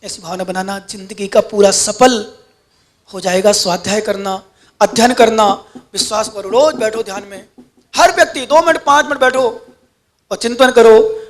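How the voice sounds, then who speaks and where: Monk preacher, male, very high voice, fervent prayerful sermon delivery, direct questions to the congregation. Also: fairly even intonation, moderate pace. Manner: addresses listeners directly with instructions. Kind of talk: devotional sermon.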